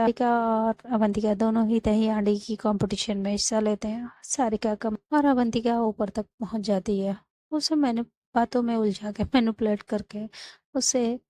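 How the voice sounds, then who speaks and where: A woman host retelling a love story in a chatty, animated manner. Her voice is fairly high yet mellow and warm, recorded close and dry. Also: no echo.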